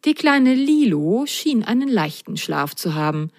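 Slow gentle woman reading a bedtime story. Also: a little high, big pitch swings. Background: faint music.

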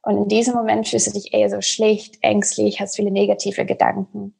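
A woman with a gravelly, husky, slightly mellow voice speaks German as a second language at a medium pitch with flat delivery. As a health coach guesting on a podcast, she explains things conversationally. She is halting, searching for words, and uses non-native grammar.

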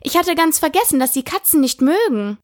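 A woman's voice: high voice, big pitch swings, fairly quick, dry recording, studio quality, pitched above the performer's own voice. A woman voicing a polite, curious young girl who chatters eagerly and apologizes often.

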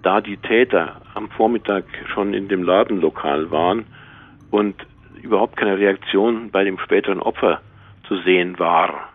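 A man being interviewed as an expert explains things in a measured, matter-of-fact, analytical way, with halting spontaneous phrasing. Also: low voice, dry recording. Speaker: interviewed author and crime researcher. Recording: tinny phone-like narrow band, dry.

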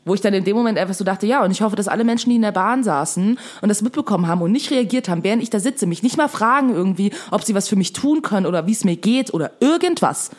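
A woman's voice: mid-range voice, lively intonation, rapid-fire, few pauses. A young woman telling a story to camera in casual, chatty speech full of fillers, still shaken.

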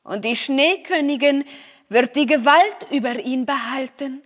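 A woman reading aloud and voicing a wise old Finnish healer woman in a storybook, calm and instructive. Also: high voice, measured pace.

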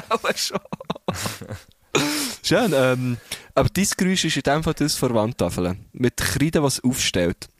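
A man's voice: mid-range voice, animated, measured pace, long pauses, dry recording, clean studio sound. A young man with a Swiss German accent, teasing and joking in a casual chat. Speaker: podcast co-host.

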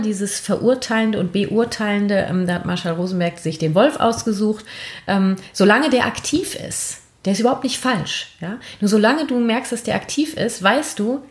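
Woman coach, encouraging, often checks in with listener, middle pitch, roomy recording. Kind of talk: advice conversation.

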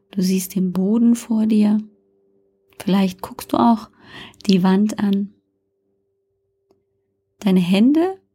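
A woman narrating a guided meditation like a sleep story, softly and calmly, often near a whisper, with long pauses and gentle suggestions. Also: medium pitch, husky. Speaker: guided relaxation instructor.

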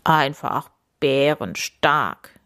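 A woman voicing a big friendly male polar bear with a growling, slow manner in a storybook. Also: low voice, expressive, a bit bright, voice pushed down, heavily acted. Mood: cozy.

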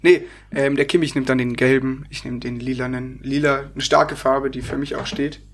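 A man's voice: mid-range voice, steady tone, moderate pace, slight background noise. A man in a casual chat while cooking, teasing his friends with dry jokes.

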